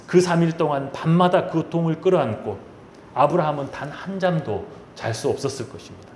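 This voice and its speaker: A man's voice: a little high, a little mellow, a little hiss or hum. A man preaching a sermon as senior pastor, telling a story dramatically and asking many rhetorical questions. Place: church sanctuary. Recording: roomy church echo.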